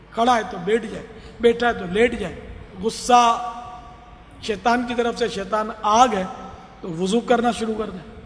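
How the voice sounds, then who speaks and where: A man's voice: very high-pitched, in a large hall, slight background noise. A man preaching a sermon, telling stories and acting out the voices of people pleading. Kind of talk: religious sermon.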